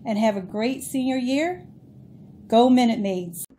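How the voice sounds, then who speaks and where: A woman speaking for her family in a proud, steady message of support. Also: fairly high pitch, a little slow, slight background noise. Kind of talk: heartfelt recorded video message.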